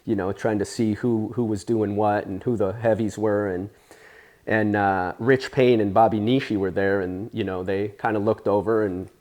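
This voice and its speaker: Man, forties, grew up in Spain, lowish voice, relaxed rambling interview talk. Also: moderate pace. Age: 40s. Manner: easygoing, rambling, with many fillers. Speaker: interview guest, surfer. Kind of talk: casual storytelling interview.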